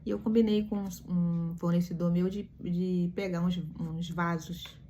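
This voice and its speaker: Woman preacher, mellow warm voice, emphatic storytelling, rhetorical questions, devotional reflection. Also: lowish voice, fairly even intonation, unhurried, a little hiss or hum.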